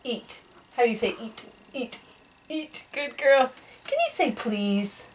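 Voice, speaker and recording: A woman's voice: on the high side, big pitch swings, takes it slowly, recorded from a distance, slight background noise, low-quality recording. A young woman at home, patiently quizzing her baby with pictures, repeating words, praising her and imitating animal sounds. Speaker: mother quizzing her toddler. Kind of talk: home video of a parent coaching a baby to name pictures.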